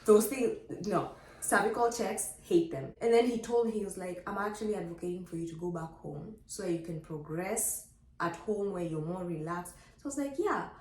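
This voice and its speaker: A young woman animatedly telling her birth story to the camera, acting out quoted dialogue. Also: normal speed. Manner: lively, acts out quoted dialogue with big pitch jumps. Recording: echoey room.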